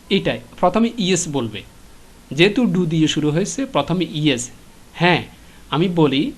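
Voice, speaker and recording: Man, teacher, somewhat high pitch, patient, pausing, repetitive classroom talk. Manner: patient, repeats questions to students, many filler "ah" pauses. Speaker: English teacher. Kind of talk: classroom lesson explanation.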